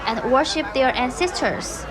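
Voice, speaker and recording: Young woman from Sichuan with a Chinese accent, a plain explaining guide, somewhat high voice, clear music behind. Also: expressive, unhurried. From Sichuan, China. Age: young adult. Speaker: tour guide. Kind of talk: narrated walking tour. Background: background music.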